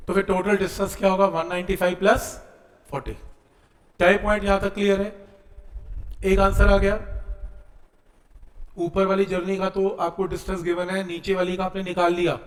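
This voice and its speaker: A man's voice: high voice, echoey room, rough recording. A man teaching a physics lesson, explaining each step and checking in with his students. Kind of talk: exam-prep physics lesson.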